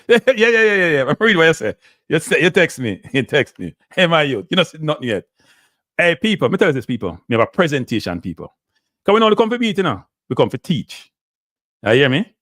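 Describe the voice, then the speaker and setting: A man's voice: mid-range voice, fairly bright tone, no room sound, studio quality. A middle-aged man with a Jamaican accent hosting a live stream, lecturing viewers and answering chat, slipping in and out of patois. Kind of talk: ranting live stream commentary.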